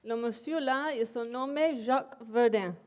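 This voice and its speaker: Her voice sits somewhat high and a little mellow as she delivers an academic talk in a lecture hall, slow and halting, full of pauses and fillers. She is an invited speaker whose first language is English.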